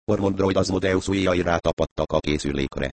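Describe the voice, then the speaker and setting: Deep-voiced male audiobook narrator. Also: no echo. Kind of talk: scripted narration.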